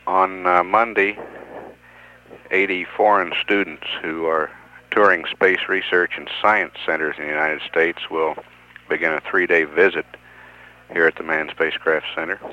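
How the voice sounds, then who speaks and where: Man, mission control radio announcer: very deep, monotone, radio-filtered, dull 1970s lo-fi. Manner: measured, even delivery with occasional "uh" pauses. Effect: radio transmission sound over a mission control loop. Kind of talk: formal mission status announcement.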